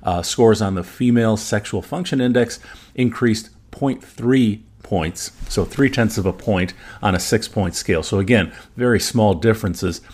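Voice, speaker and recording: On a podcast, a native German-speaking man with a fairly low, slightly mellow voice talks as a medical expert. He reviews study findings in a relaxed conversational way, staying measured and adding qualifications as he goes.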